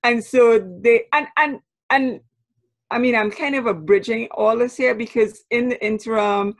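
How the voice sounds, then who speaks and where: This guest is an anthropology professor from Trinidad whose voice is fairly high and steady, with a Trinidadian accent. She explains patiently and in a measured way during the interview, spelling out terms and frequently checking in with "right?"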